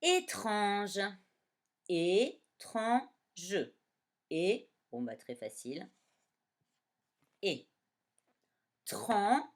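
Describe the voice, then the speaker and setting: Slow, sing-song woman teacher spelling out words. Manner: slow, syllable-by-syllable spelling with lively pitch. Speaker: primary school teacher. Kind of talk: dictation lesson for young children.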